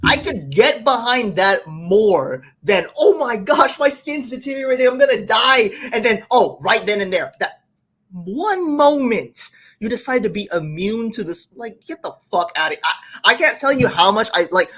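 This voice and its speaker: A man's voice: high-pitched, a little slow, husky. A man guesting on a casual podcast, telling stories with energy, acting out quotes, swearing and laughing. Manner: animated storyteller, acts out quotes, swears, laughs. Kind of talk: casual chat.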